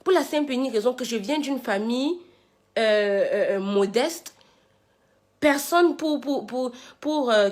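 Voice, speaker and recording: A woman delivers an indignant, confrontational rant to viewers, speaking emphatically and hammering repeated phrases and rhetorical questions. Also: on the high side. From Africa.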